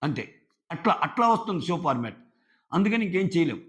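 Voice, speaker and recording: A man's voice: on the high side, sing-song, brisk. A man reviewing a reality show in casual commentary, retelling scenes and quoting the contestants.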